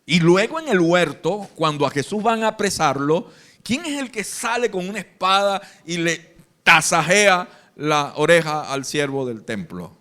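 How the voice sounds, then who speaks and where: A man with a Venezuelan accent preaching a lively sermon live in church, acting out the Bible scenes in different voices. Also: high voice, measured pace. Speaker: pastor. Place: church hall.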